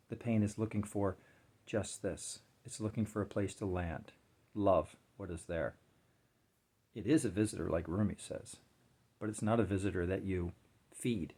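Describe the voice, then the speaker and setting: A man giving a slow, reflective spiritual talk on meditation, sometimes dropping to a near-whisper. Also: deep voice, vocal fry, dark tone, slightly rough. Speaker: spiritual teacher.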